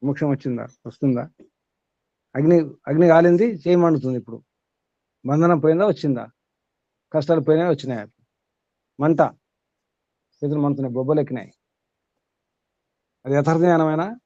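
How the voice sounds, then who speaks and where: A man's voice: fairly high pitch, a little fast, pauses often, mellow, no echo. Questioning male spiritual teacher, dull sound. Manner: questioning, repetitive, rhetorical. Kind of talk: teaching discussion with a small group.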